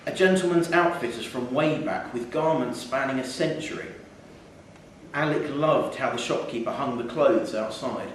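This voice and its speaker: In an indoor theatre, a man reads a literary short story aloud at a live event, keeping a moderate pace and a medium pitch. His voice reaches a far-off microphone, giving a very echoey sound and faint noise.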